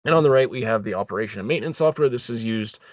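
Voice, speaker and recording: Presenting a product training webinar, a man explains things haltingly, with frequent filled pauses. His voice is medium-pitched and has no echo.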